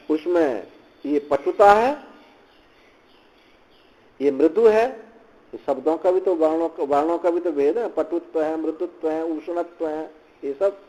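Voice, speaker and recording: A male swami teaching scripture, reciting Sanskrit lines and explaining them slowly in Hindi, often repeating phrases. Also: a little high, darkish tone, low-quality recording. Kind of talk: slow scripture commentary lecture.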